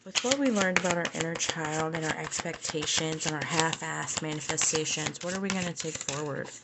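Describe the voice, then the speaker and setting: Low-voiced female tarot reader, gravelly, loose and musing delivery. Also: fairly quick, heavy background noise. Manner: musing, conversational, trails off and restarts. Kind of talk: casual tarot reading.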